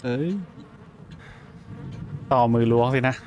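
A man's voice: medium pitch, little pitch movement, slow, a little mellow, a little hiss or hum. A man giving casual let's-play commentary, blunt and swearing freely, with sudden startled exclamations. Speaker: gaming streamer.

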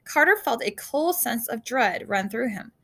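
A woman reading an adventure story aloud in a casual, homely way, with a rather high voice. She stumbles now and then and corrects herself, chatting to her listeners between passages. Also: lively intonation, a little slow, a bit bright. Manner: casual read-aloud with slips and asides to listeners. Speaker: reader of a children's novel.

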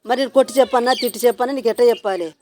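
A woman's voice: a little high, a little mellow, a little hiss or hum. A woman, nagging and scolding over and over in a scripted village prank skit. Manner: nagging, repetitive, rapid scolding.

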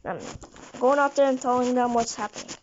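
A woman's voice: on the high side, fairly quick, slight background noise. A woman narrating an improvised fan story in a rambling way, often restarting her sentences. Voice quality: rambling, frequent restarts and stumbles. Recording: dull lo-fi recording.

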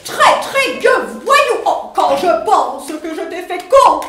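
A woman's voice: extremely high pitch, sing-song, slow, crowd noise, exaggerated voice. A young woman playing a pompous, indignant king in a stage farce, theatrical and exclamatory. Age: young adult. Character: pompous, gullible, indignant old-fashioned King of Poland. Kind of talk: farcical live object-theatre acting. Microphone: far camera. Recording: echoey theatre stage, distant mic.

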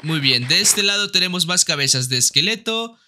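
A man with a Mexican Spanish accent giving playful, teasing gameplay commentary, jumping between squeals and mock-grand low tones. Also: expressive, moderate pace, bright, forceful tone, slight background noise. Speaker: gaming video host.

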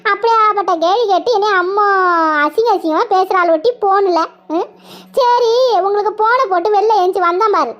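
Woman voicing a wailing wronged wife. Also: very high-pitched. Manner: wailing, lamenting, sing-song complaint. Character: nagged married village woman wailing about in-laws. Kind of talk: cartoon voice acting. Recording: muffled lo-fi recording.

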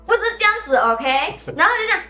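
Fast-talking woman telling a ghost story. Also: very high voice. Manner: animated, mixes in English words. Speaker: host and storyteller. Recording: echoey room with faint music.

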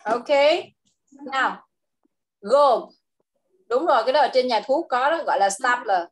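A woman with a Vietnamese accent teaching English words to a child one-on-one, drilling each word patiently and switching to quicker speech to explain. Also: fairly high pitch. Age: adult.

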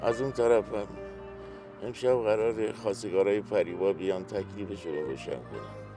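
A man playing a weary, debt-burdened man in a TV drama speaks in a low, downcast voice. He complains with the tired weight of someone worn down by life, over background score music. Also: close to an everyday voice. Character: weary indebted middle-aged man, worn down. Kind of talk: TV series acting.

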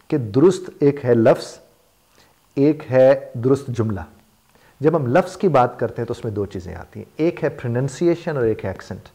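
A man's voice: medium pitch, mellow. A man gives a motivational lesson on spoken English, explaining with everyday examples and repeating phrases for emphasis. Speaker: life coach teaching spoken English.

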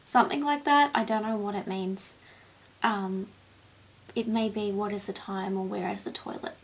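A woman's voice: medium pitch, steady tone, moderate pace, a little hiss or hum, poor audio. A young woman chatting casually to camera as a vlogger, answering tag questions with plenty of ums. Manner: rambling and chatty, with many ums. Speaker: beauty vlogger.

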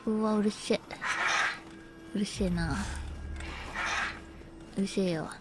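A woman's voice: mid-range voice, steady tone, slow pace, over loud music. A woman streaming a video game, giving casual commentary, muttering and grumbling, and whispering text as she reads it. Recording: background noise.

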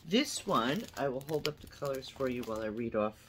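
A woman's voice: rumbling low, animated, a little fast, slight background noise. A woman vlogger unboxing her yearly yarn haul at home, chatting unhurriedly and reading out the labels. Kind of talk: casual unboxing chat.

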